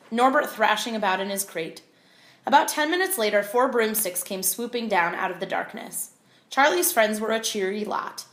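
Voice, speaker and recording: A woman reading a children's novel aloud, with expressive, clear storytelling. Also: a little high, roomy sound. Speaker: audiobook reader.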